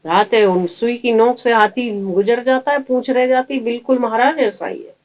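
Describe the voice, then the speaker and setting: Female spiritual preacher, slightly high; lively storyteller with rhetorical questions. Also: normal speed. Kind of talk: sermon with parables.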